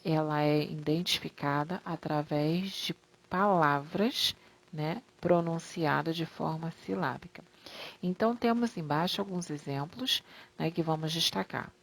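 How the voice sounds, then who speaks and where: A woman with a low voice walks young pupils through a grammar lesson on slides. She explains at an unhurried pace and stretches out each example word. She talks to the class fondly. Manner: affectionate toward pupils. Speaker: teacher.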